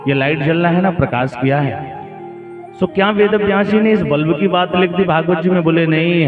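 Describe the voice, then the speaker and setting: Higher-voiced man preaching in an echoey hall. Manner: storytelling, acts out dialogue, rhetorical questions to the audience. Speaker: katha preacher. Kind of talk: devotional sermon. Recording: echoey hall, phone-like lo-fi sound with music. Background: instrumental music.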